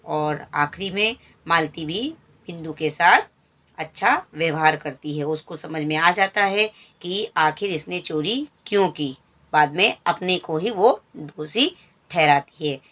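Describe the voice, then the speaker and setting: A woman's voice: deep voice, expressive, a little slow, fairly bright tone. A woman Hindi teacher explaining a textbook story, reading a line and then re-explaining it in plain words, on a slightly dull recording.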